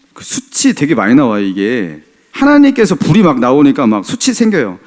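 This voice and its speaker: A male pastor giving a Sunday sermon in a church, asking the congregation questions and acting out little scenes as he reads. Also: on the high side. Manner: lively, asks the congregation questions and acts out scenes.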